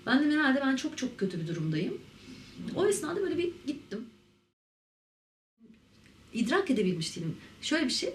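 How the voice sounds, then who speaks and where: A woman in her thirties from Turkey speaks candidly and reflectively, pausing on fillers as she testifies. Her voice sits slightly high and reaches the mic from some distance. The room is echoey, with faint ambience behind her. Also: slight background noise. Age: 30s. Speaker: interviewee, ceramic artist. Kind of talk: personal testimony to camera.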